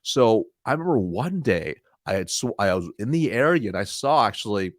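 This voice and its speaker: A man's voice: lowish voice, big pitch swings, normal speed, no echo, clean studio sound. A man in his thirties, a sales coach and podcast guest, telling a story animatedly, often laughing and acting out what people said.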